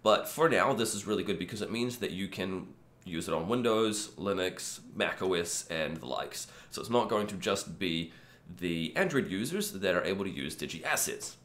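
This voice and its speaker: Low, slightly croaky man in echoey room. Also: lively intonation, moderate pace, fairly bright tone. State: croaky voice from a cold. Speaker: video host. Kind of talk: casual screen-share tutorial. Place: small room indoors.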